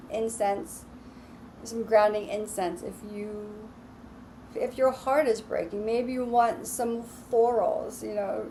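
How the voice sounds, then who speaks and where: A woman reading tarot cards alone, talking in a slow, soothing, reassuring way. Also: on the high side, darkish tone, a little hiss or hum, rough recording. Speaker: tarot reader. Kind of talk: relaxed solo tarot reading.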